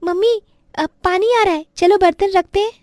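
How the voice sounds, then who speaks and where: A woman voicing a sensitive young schoolgirl with a high, childlike voice in a cartoon. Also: normal speed, darkish tone, dry recording, clean studio sound. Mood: cheerful. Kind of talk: cartoon voice acting.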